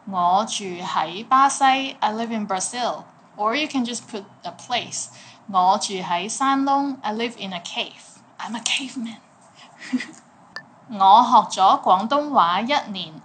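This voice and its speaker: A woman teaching a language lesson, saying each phrase slowly and clearly, then translating it patiently. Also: medium pitch, fairly bright tone, slight background noise. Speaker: Cantonese teacher.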